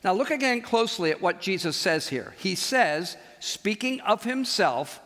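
Older man preaching in a reverberant hall. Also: high voice. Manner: animated, gesturing, with slow emphatic pauses. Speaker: chapel speaker. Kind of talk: sermon. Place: large auditorium stage.

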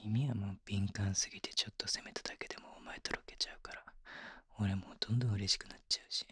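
A man playing an adoring, teasing young boyfriend in whispered role-play pillow talk, murmuring casually and intimately with a husky, breathy voice into a close binaural microphone. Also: fairly low pitch, steady tone, quick pace, a bit bright, no room sound, full character voice. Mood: adoring, sensual.

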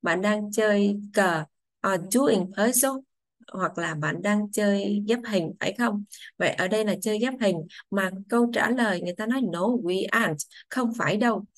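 A woman English teacher, patiently explaining grammar to children, saying English phrases slowly before translating them. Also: medium pitch, no echo.

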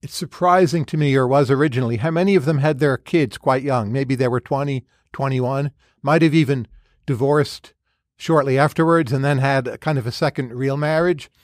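A man's voice: mid-range voice, moderate pace, no room sound, clean studio sound. A man hosting an interview podcast, laying out his observations and then asking curious, probing questions. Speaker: podcast host.

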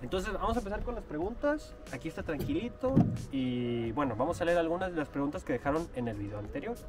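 A relaxed, slangy young man with a Mexican accent talks to the camera from a rowboat out on a lake. His voice sits a little high and sounds somewhat distant from the mic, with music playing clearly underneath. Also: fast. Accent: Mexican Spanish. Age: 20s. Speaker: vlogger. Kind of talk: casual vlog chat. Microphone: action camera at arm's length.

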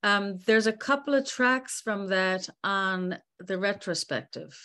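An older woman from Newfoundland speaks at a middling pitch in a loose, candid way. She restarts phrases and leans on fillers as she recalls things. The sound is a plain laptop mic on a video call in a bright home room. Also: takes it slowly. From Newfoundland, Canada. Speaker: musician guest. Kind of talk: casual interview over video call.

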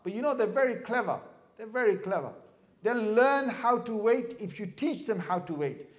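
A middle-aged man giving a lively sermon as an Islamic preacher, asking the audience questions and acting out crying babies. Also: sits high, moderate pace. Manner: animated, asks the crowd questions, mimics crying babies.

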